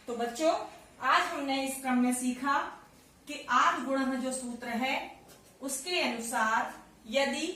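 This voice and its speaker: A woman's voice: a little high, a bit bright. A woman teaching a grammar lesson to children, explaining step by step and asking the class question after question. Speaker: Sanskrit teacher. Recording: very echoey, distant, faint hiss.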